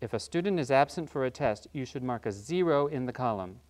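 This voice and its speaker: A performer playing a lively game show host. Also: mid-range voice, close to an everyday voice. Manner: brisk, announcing questions and scores. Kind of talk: scripted game show parody.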